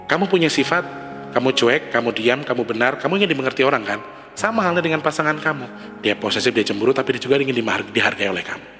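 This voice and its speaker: A man hosting a casual advice monologue, speaking in a preachy, lively way and acting out what partners say. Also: mid-range voice. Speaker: channel host. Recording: reverberant room with loud music.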